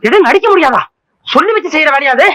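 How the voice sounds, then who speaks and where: An actor playing a forgetful young husband in a 1960s film comedy, talking in a quick, teasing, muddled way. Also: male voice, extremely high pitch, expressive, pushed and bright, full character voice, low-quality recording. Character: absent-minded young husband, comic, scatterbrained.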